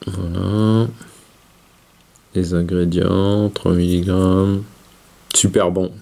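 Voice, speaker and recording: Male reviewer, low dark voice, relaxed and halting delivery. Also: creaky. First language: French. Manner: hesitant, many fillers, talks while vaping. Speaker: vape video reviewer. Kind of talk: casual chat.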